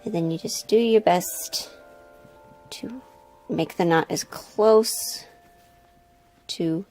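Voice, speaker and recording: Over faint music and through a low-quality recording, a sewing vlogger with a lowish, darkish voice talks slowly through a craft tutorial. Her tone is chatty and informal with occasional mild swearing, partly delivered as voice-over narration.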